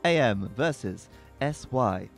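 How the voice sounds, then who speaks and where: A man casting an esports match live, chatty and quick to laugh. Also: mid-range voice, lively intonation. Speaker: esports caster. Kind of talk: live game commentary. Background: faint background music.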